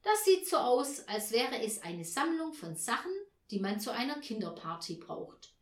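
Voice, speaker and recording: A woman voicing a patient mother who asks calm, gentle questions. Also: fairly high pitch, normal speed. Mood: explaining. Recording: roomy echo.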